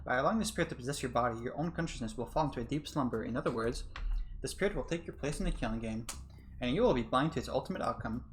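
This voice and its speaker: A man's voice: mid-range voice, animated, rapid-fire, slight background noise, lightly acted. A man voicing a polite undead male mastermind who speaks in formal, old-fashioned phrases. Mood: courteous. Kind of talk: voicing a game character.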